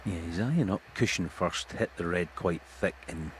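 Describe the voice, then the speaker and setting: A man with a deep, low-pitched voice offers analysis as a snooker co-commentator. He talks in an informal, matter-of-fact way. Faint venue noise runs underneath. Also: moderate pace. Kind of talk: analytical sports commentary, conversational.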